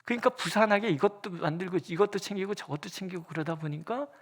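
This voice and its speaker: A pastor giving a dawn prayer sermon in a conversational way, acting out inner questions and often dropping to a soft, near-whispered voice. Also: medium pitch, fast talker. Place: church.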